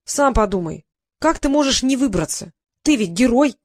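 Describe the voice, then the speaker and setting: A woman's voice: a little high, expressive, normal speed, dry recording, studio quality, pitched above the performer's own voice. A woman voicing a grumpy, talkative male creator who lectures and grumbles, in an audiobook reading. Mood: grumbling. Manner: irritable, lecturing, sighing.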